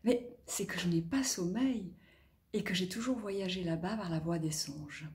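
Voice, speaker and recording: A woman's voice: fairly low pitch, moderate pace, a little mellow, a little hiss or hum, pitched below the performer's own voice, lightly acted. Déluso, a woman voicing a dreamy male explorer. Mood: musing. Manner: sighing, musing aloud.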